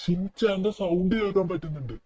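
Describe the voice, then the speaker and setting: A man's voice: high voice, a little fast, darkish tone, a little hiss or hum, natural voice. A man voicing Michael, a worried middle-aged friend in a game video, who keeps saying he has no idea what is going on. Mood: panicky. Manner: panicky, keeps saying he doesn't know. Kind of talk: casual game role-play dialogue.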